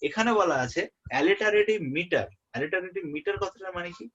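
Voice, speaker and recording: A young man tutoring a student for an exam in a relaxed way. He often checks that the student is following and repeats the key terms. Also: high voice, fast talker. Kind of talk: informal exam-prep lesson. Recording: muffled lo-fi audio.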